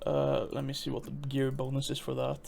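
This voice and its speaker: A man's voice: mid-range voice, completely flat delivery, fairly quick, gravelly, darkish tone. A man running a tabletop game as game master, talking casually with frequent fillers, restarts and chuckles.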